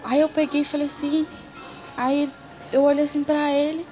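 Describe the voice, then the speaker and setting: A woman's voice: high-pitched, level tone, normal speed, darkish tone, lo-fi sound. A woman casually telling a personal story, full of slang and repeating words for emphasis. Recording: music playing underneath.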